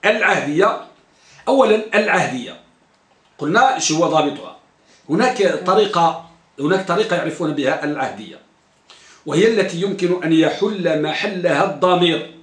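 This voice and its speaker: Male teacher, high bright voice, quizzes his class and repeats key terms, echoey classroom. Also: expressive, fairly quick, long pauses. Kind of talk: classroom grammar lesson. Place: classroom with students.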